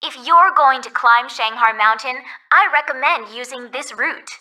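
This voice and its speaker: A woman voices a polite, cheerful resort ferry guide in a video game, reading scripted tour announcements in an informative way. Her voice is high, bright and forceful at a normal speed, recorded from slightly far away.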